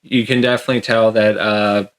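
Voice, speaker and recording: A man's voice: fairly low pitch, level tone, fairly quick. A man running a tabletop game as game master, rambling with lots of fillers and frequent laughter.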